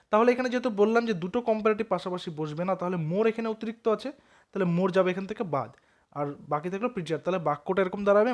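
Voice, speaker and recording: A man teaching a grammar lesson with a Bengali accent, explaining step by step and often asking whether students follow. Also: high voice. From West Bengal. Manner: explains step by step, asks checking questions.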